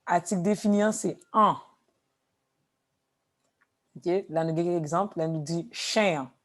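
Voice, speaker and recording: A woman teaching a language class, explaining slowly with repeated examples. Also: fairly low pitch. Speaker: Haitian Creole teacher.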